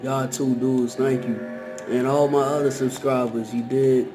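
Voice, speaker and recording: A man's voice: medium pitch, flat delivery, unhurried, music in the background, poor audio. A man chats casually and slangily to the camera, chewing while he talks. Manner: colloquial slangy talk. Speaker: vlogger and YouTube host. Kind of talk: casual mukbang chat to camera.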